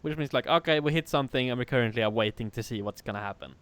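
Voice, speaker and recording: A man's voice: mid-range voice, very fast, fairly bright tone, smooth. A man teaching a live coding lesson in a casual way, laughing and swearing freely. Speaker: programming teacher.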